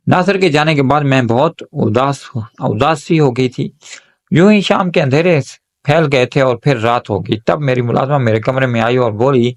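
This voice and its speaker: A man tells an emotional moral story in the first person, speaking as a young woman. His voice sits at an ordinary middle pitch. The reading is steady, with emotion carried through it.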